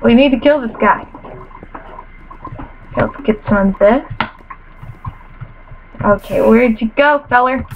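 A woman's voice: fairly high pitch, measured pace, long pauses, dull audio, a little hiss or hum. A teenage girl commentating her own game casually, chatty and self-mocking with playful trash talk, a little sniffly after a cold, in her bedroom at home. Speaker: gamer commentator.

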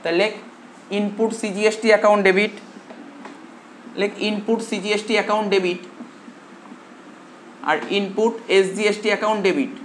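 A male commerce tutor from India giving a classroom lecture, dictating notes slowly with repeated phrases and quizzing his students as he goes. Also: sits high, fairly even intonation. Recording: roomy classroom echo, faint hum.

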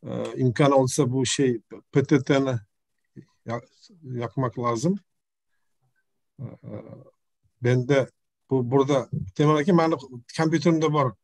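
A middle-aged man with an Uzbek accent giving an academic presentation on a video call, speaking halting, broken non-native Turkish mixed with Uzbek. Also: medium pitch, steady tone, darkish tone, no echo. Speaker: professor presenting research. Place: indoor room, video call. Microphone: computer microphone on video call.

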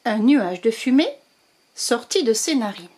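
A woman storyteller reading a children's picture book aloud, with slow, expressive narration. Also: on the high side.

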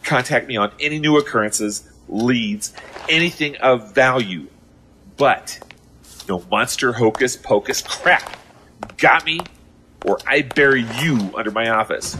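A man playing a gruff, exasperated police captain in an audio drama, curt, sarcastic and bossy. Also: mid-range voice, unhurried, bright, forceful tone, slight background noise, poor audio. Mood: exasperated, threatening.

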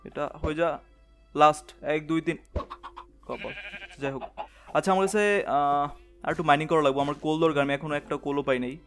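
A young man, quietly commentating his gameplay in a soft, hushed voice late at night. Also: on the high side, steady tone, moderate pace, long pauses, faint music behind. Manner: talks softly and quietly, late-night hush. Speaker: gamer channel host.

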